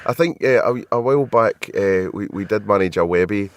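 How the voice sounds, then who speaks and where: Scottish podcast host guy, kinda low voice, chatty and joking, dry close sound. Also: moderate pace, dry recording. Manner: chatty, laughs often, self-deprecating. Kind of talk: casual podcast chat. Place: hotel.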